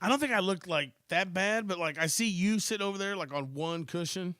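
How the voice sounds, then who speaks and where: A man co-hosting a rowdy radio chat, cracking jokes and swearing. His voice is high and bright with a sharp edge, and it is recorded dry and close. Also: brisk, no room sound. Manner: joking, laughs often, swears. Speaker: radio show co-host. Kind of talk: casual chat.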